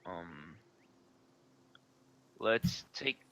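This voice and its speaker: A man's voice: low-pitched, lively intonation, very slow, very noisy. A man chatting casually as a player in a tabletop game. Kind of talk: casual chat.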